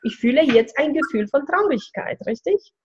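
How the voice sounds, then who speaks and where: A woman's voice: sits high, lively intonation, normal speed, lo-fi sound, slight background noise. A woman giving instructive coaching advice in a casual conversation. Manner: explaining, instructive. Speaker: spiritual coach. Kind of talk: coaching talk.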